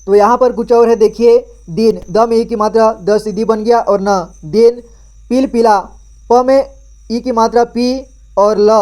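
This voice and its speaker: A man's voice: high voice, a little mellow. Patient man teaching Hindi reading. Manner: patient, repeats each syllable, asks the viewer to read. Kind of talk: children's reading lesson.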